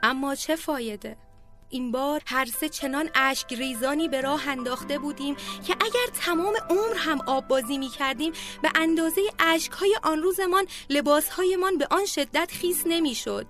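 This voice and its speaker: A woman with a high voice reads a personal memoir in a heartfelt, measured way. Soft music plays faintly behind her as she tells the story. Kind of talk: emotional memoir narration.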